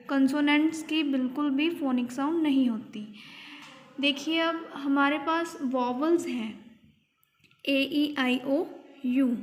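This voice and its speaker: Woman teacher, high voice, very slow deliberate delivery, phonics lesson, long echo. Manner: spells words letter by letter and asks the class questions. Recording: long hall reverb.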